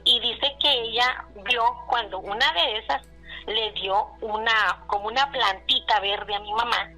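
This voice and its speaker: A woman with a Mexican accent tells a personal story in a loose, rambling way, with a grainy, gravelly edge to her voice. Her tone is bright and tense and sits a little high. She keeps circling back with little fillers as she goes. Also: poor audio. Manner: rambling, repeats "le digo" and "dice", fillers like "este". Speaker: guest telling a personal story. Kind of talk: casual spoken storytelling.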